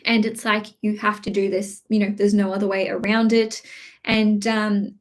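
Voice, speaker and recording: A woman's voice: medium pitch, little pitch movement, normal speed. Woman astrology streamer, chatty, lots of fillers, slight cough. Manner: chatty, many fillers and restarts. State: slight cough, throat clearing. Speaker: astrology reader. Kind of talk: live-streamed horoscope reading.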